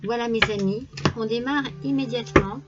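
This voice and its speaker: A woman's voice: fairly high pitch, normal speed. A woman giving a casual tarot reading to her viewers, chatty and hesitant, full of fillers and restarts. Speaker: tarot reader. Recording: dull lo-fi home recording.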